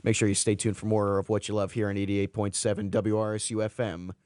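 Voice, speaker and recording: A man's voice: lowish voice, little pitch movement, fast, darkish tone, smooth. A young man hosting a college radio show, chatting casually in a rambling, jokey way with frequent self-corrections, in a radio studio on a studio microphone. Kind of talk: casual on-air chat.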